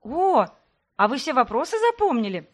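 A woman voicing a pair of lively teenage twin girls who fire off rapid, shrill questions. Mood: eager chatter.

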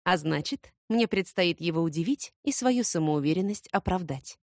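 A woman narrating an audiobook in first person, expressive and ironic. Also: lowish voice, normal speed, no room sound, studio quality.

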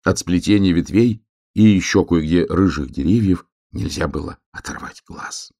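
A man narrating a children's story in an expressive, lilting reading. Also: sits low, moderate pace, vocal fry.

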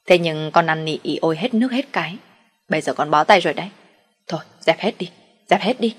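A woman's voice: on the low side, fairly quick, husky. A woman voicing a fed-up young man who talks in a sulky, curt way. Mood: dejected.

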